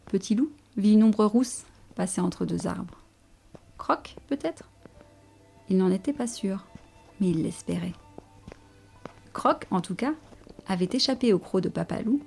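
A woman reading a children's story aloud in a gentle, expressive way. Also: medium pitch, gravelly. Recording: soft music underneath.

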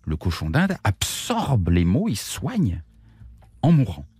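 A man telling a strange travel anecdote on a radio show, in a lively, theatrical way with whispered asides. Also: fairly low pitch, takes it slowly, husky, no echo. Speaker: storytelling expert. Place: radio studio.

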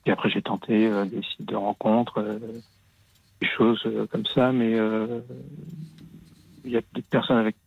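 A man calling in to a radio show, confiding his story in a halting way with many fillers and restarts. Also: lowish voice, little pitch movement, gravelly, husky. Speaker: caller. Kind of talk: hesitant personal confiding on a call-in show. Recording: phone line.

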